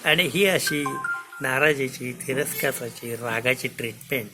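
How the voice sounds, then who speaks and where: A man retelling a classic play to listeners in an animated, conversational way. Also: medium pitch, a little slow, over music. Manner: animated, conversational, acts out the parts. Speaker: storyteller, speaker. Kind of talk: lively spoken retelling of a play.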